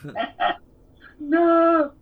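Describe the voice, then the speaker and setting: A man's voice: very high voice, lively intonation, extremely slow, distant mic, narrow, tinny audio. A man, a musician guest telling his story in an earnest, plain-spoken way from his living room. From Democratic Republic of Congo. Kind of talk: casual interview storytelling. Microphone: remote call.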